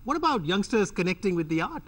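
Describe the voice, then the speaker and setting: A man's voice: high-pitched, big pitch swings, fast talker, a bit bright. A man with an Indian accent, hosting and interviewing guests on a talk show. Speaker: host.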